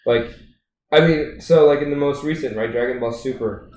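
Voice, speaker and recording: A man's voice: medium pitch, normal speed, distant mic. Rambling man in an echoey room. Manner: rambling, filler-heavy, animated storytelling. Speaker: podcast co-host. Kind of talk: casual chat.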